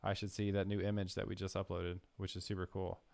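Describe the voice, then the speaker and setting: A young man hosting a coding live stream, thinking aloud with fillers and getting excited. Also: low-pitched, fast, gravelly, no room sound, studio quality. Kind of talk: casual live-coding chat.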